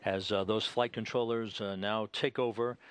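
On a dry recording, a man with a fairly low, steady, clear and resonant voice serves as mission control commentator. He gives live spaceflight broadcast commentary in a halting, measured, official style.

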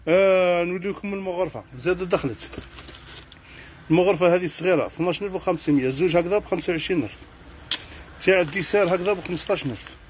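A man's voice: high-pitched, slight background noise. A man with an Algerian Arabic accent, a kitchenware shop owner on a live sales stream, rattling off one price after another. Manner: rattles off prices in quick succession.

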